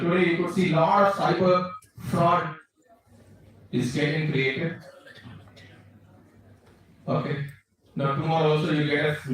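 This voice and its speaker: A man's voice: on the high side, a bit bright. A man with a South Indian accent giving an instructive slide lecture, often checking that listeners follow. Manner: instructive, checks understanding with short tags. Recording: very echoey room, distant microphone.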